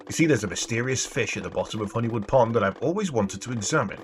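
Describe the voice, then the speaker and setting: A man's voice: medium pitch, expressive, fast talker, a little hiss or hum, natural voice. Man reading a sardonic fantasy villager. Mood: sly, coaxing. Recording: music behind the voice.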